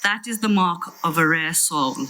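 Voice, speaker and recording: A middle-aged British woman reading a prepared farewell speech in a tender, solemn, measured way. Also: fairly low pitch, sharp tone, a little hiss or hum. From London, England. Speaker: sister giving a farewell eulogy.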